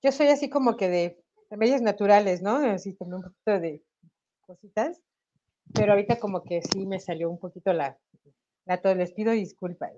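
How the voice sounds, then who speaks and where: Here a woman's mid-range voice comes through lo-fi, with slight background noise, from a webcam in a room at home. She's a singer with a Mexican Spanish accent on a video call interview, talking fairly quickly and animatedly. She laughs as she speaks, adds tag questions, and has a slight cough from a sore throat.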